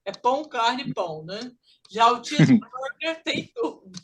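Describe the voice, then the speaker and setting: A woman with a Brazilian Portuguese accent teaching an English pronunciation lesson, lively and drilling words slowly for students to repeat. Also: fairly high pitch, a loud crowd.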